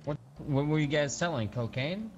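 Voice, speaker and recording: A man's voice: a little high, lively intonation, normal speed, a little mellow. Brash, joking man in casual game role-play; swears freely; dull lo-fi sound, faint hiss. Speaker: streamer playing a character.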